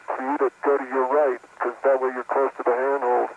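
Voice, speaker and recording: A man's voice: medium pitch, flat delivery, a little fast. A man, an astronaut at work on a spacewalk, talking through tasks over astronaut radio. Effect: space-to-ground radio. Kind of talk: astronaut radio, working task talk. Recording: tinny noisy spacesuit radio link.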